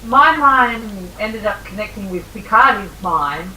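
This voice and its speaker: Girl gaming w friends, bright voice, echoey and far from mic, faint noise. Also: medium pitch, animated, a little slow. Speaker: gamer. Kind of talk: casual gaming banter. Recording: roomy, distant, faintly noisy mic.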